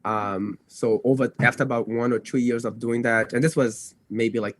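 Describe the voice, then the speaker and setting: This young Brazilian man, a native Portuguese speaker and dog trainer, tells his own story casually as a podcast guest, rambling and often correcting himself with plenty of "you know" and "like." His voice is medium in pitch with fairly even intonation, delivered at a normal speed in a room with no echo.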